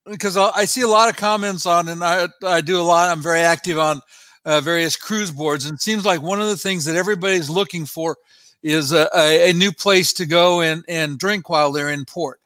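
A male interviewer with a notably high voice, recorded dry and close with almost no room sound. He asks his questions politely and a little haltingly, with "um" and "uh" scattered through. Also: fairly bright tone, no room sound. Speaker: host, interviewer.

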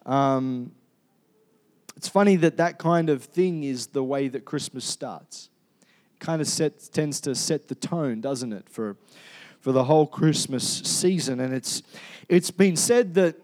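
A man's voice: medium pitch, a little mellow. A man with an Australian accent preaching a conversational sermon, asking the congregation questions and often restarting his sentences. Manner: chatty, asks the congregation questions, many fillers and restarts.

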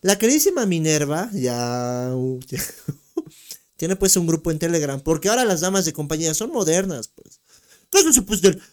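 A man's voice: a little high, big pitch swings, moderate pace, a little mellow. A man co-hosting a casual podcast, joking and teasing. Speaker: podcast co-host. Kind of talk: casual chat.

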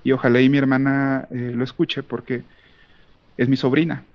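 A man's voice: medium pitch, little pitch movement, moderate pace, highs cut off. Rambling Mexican man, slangy chat. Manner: rambling, frequent restarts and slang. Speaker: podcast co-host. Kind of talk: casual group chat.

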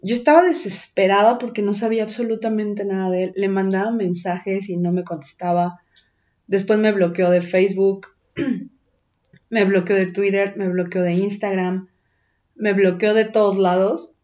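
A woman's voice: mid-range voice, moderate pace, highs cut off. Slangy Mexican woman telling a story. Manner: animated storytelling, heavy slang and swearing. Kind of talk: casual chat.

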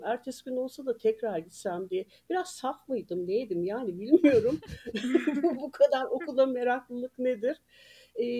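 A woman's voice: high-pitched, warm tone. A woman in her sixties from Ankara, guest on a podcast, telling stories in a chatty way and laughing between sentences. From Ankara, Turkey. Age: 60s. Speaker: guest author and retired teacher. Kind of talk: casual podcast interview.

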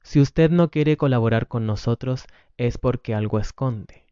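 A man's voice: medium pitch, measured pace, dark tone, clear, resonant tone, no room sound, natural voice. A man reading the lines of a persistent, formal lawyer who keeps pressing for a statement, on a dull lo-fi recording. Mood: insistent. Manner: formal, insistent.

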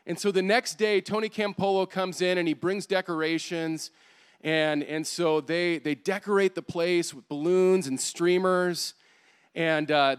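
A man preaching a sermon, telling a story in an animated way with many fillers. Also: fairly high pitch, clear, resonant tone. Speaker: pastor. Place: church service.

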